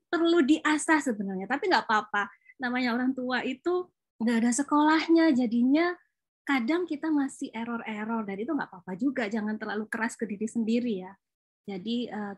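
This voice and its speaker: A woman from Java, Indonesia, with a slightly high and slightly rough voice, informally presents a board game she co-created. She explains it in a chatty way and uses lots of fillers.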